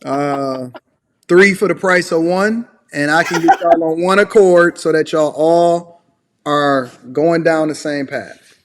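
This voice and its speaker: An American man hosts a call-in show in a somewhat high voice. He presses with pointed questions, repeats them persistently and interrupts freely. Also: slow pace, a little hiss or hum.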